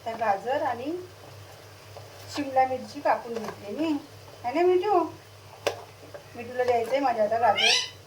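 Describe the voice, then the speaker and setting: A woman's voice: a little high, normal speed, long pauses, recorded from a distance. A woman cooking at home for her vlog, chatting to her pet bird and cat and scolding them in a coaxing, singsong way while she works. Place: home kitchen. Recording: loud background noise with pet cries.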